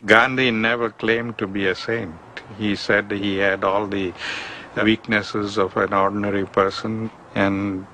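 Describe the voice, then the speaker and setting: Calm older man with a low bright voice. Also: a little hiss or hum, rough recording. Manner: calm, measured, defensive. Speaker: interviewee. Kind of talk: interview.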